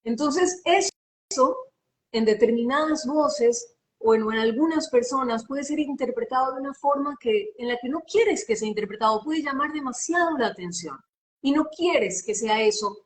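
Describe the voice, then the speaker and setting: Lively Guayaquil-accented woman coach, higher voice. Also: normal speed. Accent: Guayaquil Spanish. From Ecuador. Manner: animated, expressive, teacherly, asks rhetorical questions. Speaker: voice and diction coach, interview guest. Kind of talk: live interview, explaining.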